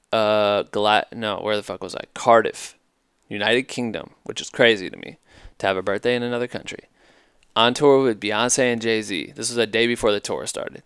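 A man's voice: on the low side, fairly bright tone, smooth, no echo, studio quality. A man in his thirties hosting a podcast, giving casual advice in a profane, emphatic, rambling way on a headset mic in a hotel room. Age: 30s. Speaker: podcast host. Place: hotel room at night, indoors.

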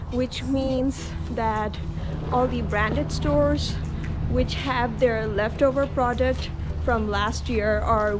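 A young woman chatting upbeat and at length in a casual vlog, talking into an action camera held at arm's length in a parking lot. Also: a little high. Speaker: vlogger.

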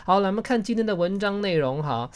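A woman's voice: mid-range voice, expressive, fast talker, darkish tone. A woman with a Taiwanese Mandarin accent teaching English in a live online class, coaxing students along and prompting them word by word. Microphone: video call.

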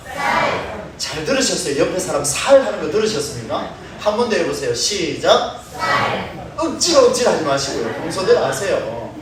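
Pastor guy preaching, high lively voice, booming church echo, mic kinda far, faint room hiss. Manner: animated, asks the congregation to count and repeat words aloud. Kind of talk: sermon. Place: large church sanctuary. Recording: echoey hall from far off.

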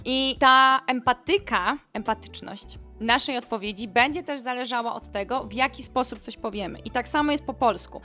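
A woman's voice: fairly high pitch, pushed and bright. A woman who grew up speaking Polish, chatting casually in an online lesson as she explains English phrases with quoted examples. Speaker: English teacher.

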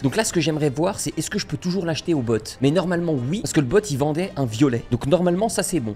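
This is a young man giving casual gameplay commentary for his viewers. His voice sits a little high and he talks in a slangy, excitable, chatty way. Faint game music plays behind him. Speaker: gaming YouTuber.

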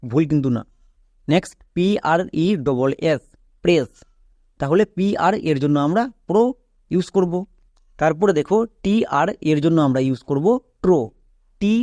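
A man's voice: a little high, a little mellow, dry recording, studio quality. A man with a Bangladeshi Bengali accent teaching English pronunciation, explaining step by step and spelling out letters. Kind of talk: classroom-style explanation.

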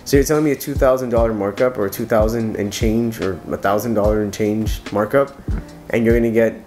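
Fairly quick and a little mellow, this man's voice sits on the low side with a steady tone, though a cold leaves it stuffy and nasal. He's a watch reviewer in his thirties, chatting enthusiastically to camera from his couch-furnished living room in evening light, often restarting sentences while faint music plays.

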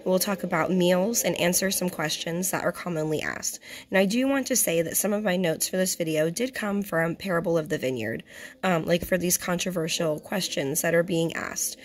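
A young woman with a hoarse, partly lost voice, giving a religious teaching as host and often clearing her throat. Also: lowish voice, normal speed. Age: young adult. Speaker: fellowship host and Bible teacher. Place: small indoor room. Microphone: phone at arm's length.

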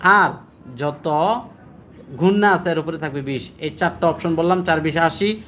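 A man's voice: fairly bright tone, slight background noise. Man teaching Quran recitation. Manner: explains rules, then chants Arabic verses slowly and higher. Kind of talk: spoken Quran lesson with chanted recitation.

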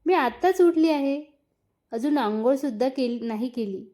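A woman's voice: high-pitched, animated, normal speed, dark tone. A woman voicing a shy, nervous young wife who speaks timidly in a read-aloud story. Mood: soft. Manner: timid and hesitant.

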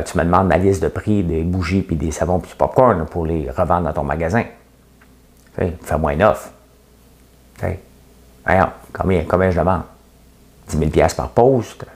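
Here a middle-aged host of a daily commentary show speaks in a low-pitched, slightly mellow voice with a Québécois accent. His monologue is casual and full of opinions, chatty and sarcastic, with jokes at his own expense and frequent "tu sais."

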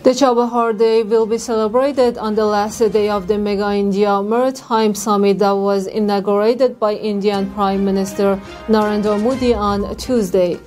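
A woman's voice: mid-range voice, steady tone, normal speed, hardly any pauses, a little mellow, soft background music. A young woman with an Afghan accent reads scripted news formally as a newscaster. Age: young adult.

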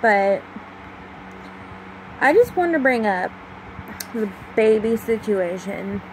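A high-voiced young vlogger, very animated but with a darkish tone, speaks slowly and emotionally into a phone held close to her face. She halts often, with many pauses and fillers, as she records a confessional vlog in a small room at home at night. A fan runs, leaving a faint hum on the poor audio.

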